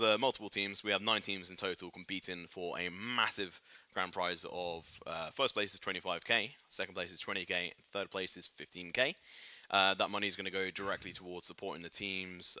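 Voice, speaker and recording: Fast-talking low-voiced male podcast host. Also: pushed and bright, no echo. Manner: chatty, upbeat, often restarts and fills with "uh". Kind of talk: casual esports podcast chat. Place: studio.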